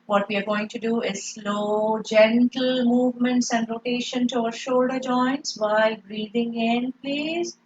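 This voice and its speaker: A woman leading a yoga lesson, giving slow, calm breathing cues and gentle instructions. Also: on the high side, lo-fi sound, slight background noise.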